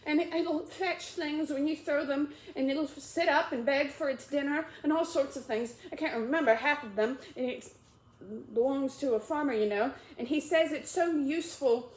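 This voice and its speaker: A woman's voice: high-pitched, animated, fairly quick, reverberant, voice pushed up, poor audio. A woman voicing Alice, a polite and eager young girl, in a storybook reading. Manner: eager and hasty, apologetic.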